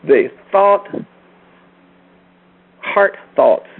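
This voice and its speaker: A man's voice: sits high, lively intonation, drawn-out words, vocal fry, breathy edge, narrow, tinny audio. A man giving a sermon-like spiritual lecture, emphatic and rhetorical, repeating phrases and addressing his listeners directly. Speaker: speaker teaching a group.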